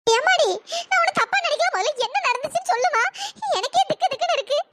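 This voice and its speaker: A voice actor playing a caring, worried old grandmother in a cartoon story, with a pitch-raised processed voice. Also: animated, fast talker, heavy background noise. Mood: fretful. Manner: soothing, worried, coaxing.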